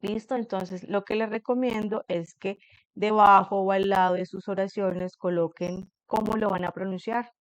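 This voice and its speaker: A woman teacher explaining a class assignment to her students in a patient way, reading English example sentences slowly and carefully. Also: medium pitch, fairly even intonation, no echo, low-quality recording. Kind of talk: recorded online class explanation. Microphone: computer screen recording.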